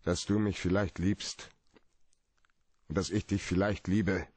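In a radio play, a male actor voices a hard-boiled, cynical private detective, arguing bluntly point by point in a rough-edged, deep voice. He sounds cold and calculating, steady and unhurried, with a darkish tone on a dry recording.

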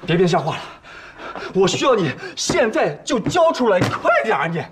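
An actor playing a frantic doctor in a war drama who shouts and pleads. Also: male voice, high-pitched, big pitch swings, moderate pace, noisy background. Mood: urgent.

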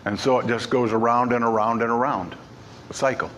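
A man's voice: medium pitch, fairly even intonation, a little fast, a bit bright, a little hiss or hum. Emphatic man preaching a sermon. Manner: emphatic, repeats key words. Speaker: pastor. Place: church sanctuary.

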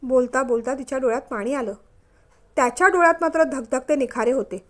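A woman narrating a family story aloud in a steady, emotive reading. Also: high-pitched, a little fast.

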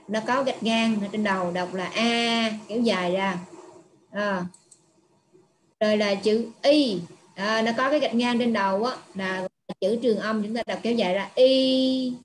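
A woman, a Buddhist nun patiently explaining pronunciation in an online lesson, with many pauses and filler sounds. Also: on the high side, a little hiss or hum. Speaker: Buddhist nun teaching Pali.

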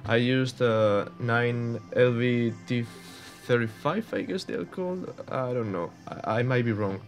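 A young gaming YouTuber from Spain, speaking with a Spanish accent, comments over gameplay in an unhurried, mid-range voice. His talk is casual and hesitant, with many fillers and restarts. Soft music plays in the background.

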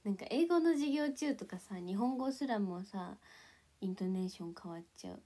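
A young woman chatting casually to viewers on a livestream, playful and giggly, sometimes dropping into soft whispers. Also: medium pitch, animated, moderate pace. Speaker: idol livestreamer.

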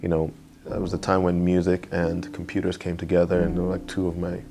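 A young man from Nigeria, a music producer, talking casually in an interview in a music studio, often saying "you know". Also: low voice. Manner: relaxed, fills pauses with "you know".

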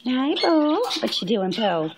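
High sing-song woman cooing to a bird. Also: sing-song, takes it slowly. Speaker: pet owner. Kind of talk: coaxing baby talk to a pet bird. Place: home with pet birds. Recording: loud background noise, bird squawks.

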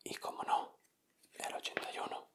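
Soft and unhurried, a man's whisper walks through one item after another in an ASMR video. He's an ASMR creator working indoors at a table, speaking with deliberate calm.

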